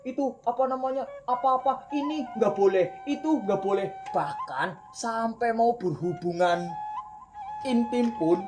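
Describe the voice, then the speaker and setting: An actor playing a self-important middle-aged village head who lectures and gossips, recorded with roomy echo and faint music. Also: male voice, very high voice, a little slow.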